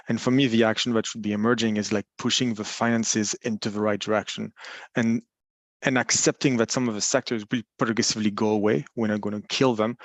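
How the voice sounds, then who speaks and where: A man's voice: mid-range voice, dry recording. Hesitant man on a video call. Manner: hesitant, many restarts and fillers. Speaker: panelist joining remotely. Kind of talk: panel discussion remarks.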